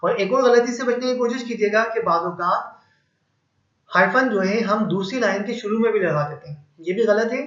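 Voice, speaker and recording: A man's voice: high voice, a bit bright. A man teaching English grammar in a patient, step-by-step way, working through examples. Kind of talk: explanatory lesson. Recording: echoey room, slightly dull sound.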